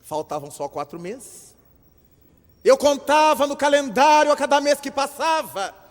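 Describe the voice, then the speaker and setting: An older man giving a spiritist lecture, telling a story with lively acted-out dialogue. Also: very high-pitched, a little slow. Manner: lively storyteller, acts out voices in quotes. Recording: long hall reverb.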